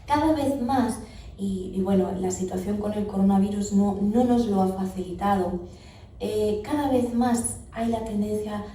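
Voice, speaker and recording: A woman with a Spanish accent delivers an emphatic sermon, her voice mellow and warm, and she puts pointed questions to the congregation. She is heard from some distance in a very echoey church hall. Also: mid-range voice, a little slow. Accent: Spanish (Spain). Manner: emphatic, rising on key words, asks the congregation questions. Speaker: preacher. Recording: echoey church hall, speaker far from mic.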